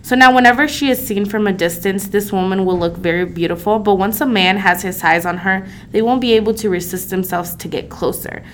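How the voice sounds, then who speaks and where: A woman's voice: medium pitch, brisk, few pauses. A young woman from El Salvador, a podcast co-host, telling folk legends in a casual, conversational way with many fillers. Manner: conversational, frequent um and you know fillers. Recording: faint background noise.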